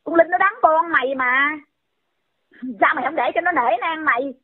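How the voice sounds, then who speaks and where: A woman's voice: sits high, moderate pace. A woman, scolding someone in a heated rant and firing off repeated insulting questions. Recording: tinny phone-line audio.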